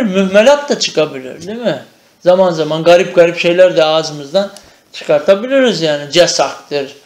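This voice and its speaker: A man teaching Arabic grammar in a traditional madrasa-style lecture, asking questions and answering them himself. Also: high-pitched. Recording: echoey room.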